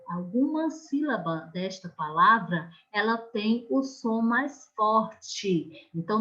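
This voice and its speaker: A Brazilian woman teaching an online class, explaining slowly and patiently and often checking that the children follow. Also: mid-range voice, a bit bright, highs cut off. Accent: Brazilian Portuguese.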